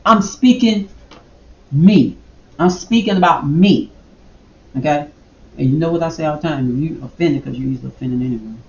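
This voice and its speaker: A middle-aged woman, chatting casually to her viewers as she browses and reacts out loud. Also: medium pitch. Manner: animated, exclaims and talks to viewers as y'all. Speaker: vlogger. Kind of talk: casual vlog commentary while browsing online. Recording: echoey room with faint music.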